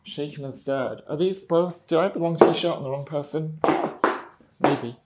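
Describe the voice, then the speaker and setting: A woman's voice: sits low, moderate pace, very noisy. A woman, an independent film director, chatting upbeat and directly to her viewers in a casual behind-the-scenes vlog.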